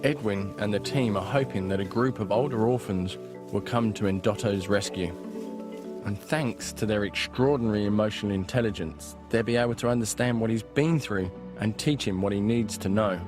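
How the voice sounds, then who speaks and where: A man's voice: fairly low pitch, moderate pace. A man giving scripted narration for a nature documentary. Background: music.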